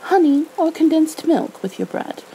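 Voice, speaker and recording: A woman's voice: high-pitched, big pitch swings, normal speed, mellow, a little hiss or hum, pitched above the performer's own voice, poor audio. A woman voicing a fussy, cagey male rabbit from a storybook, speaking in a prim, polite, hedging way. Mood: fussy, welcoming.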